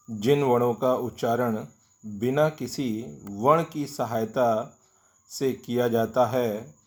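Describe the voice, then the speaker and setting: A man teaching a Hindi grammar lesson, speaking deliberately and stretching out the example sounds. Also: medium pitch.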